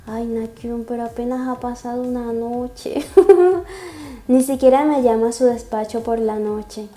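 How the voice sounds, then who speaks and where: A woman's voice: on the high side, flat delivery, normal speed, dark tone. A young woman reading a comic aloud and reacting, gushing and sighing often. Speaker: webcomic reaction vlogger. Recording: echoey room. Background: faint music.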